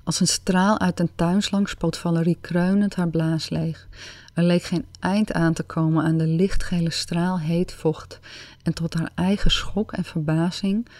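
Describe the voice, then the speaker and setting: A woman narrating an erotic story in a slow, sensual, drawn-out reading. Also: fairly low pitch, fairly even intonation, darkish tone, no echo.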